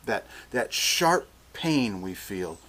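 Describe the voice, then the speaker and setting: Older male preacher, unhurried sermon delivery, low voice, deliberate restarts. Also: big pitch swings, bright, forceful tone.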